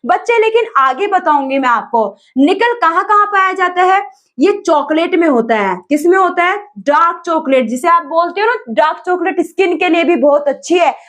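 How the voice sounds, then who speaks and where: A woman's voice: very high voice, a bit bright. A woman with an Indian accent teaching an exam-prep lesson, calling her students children, asking them questions and answering them herself, and mixing English terms into her speech.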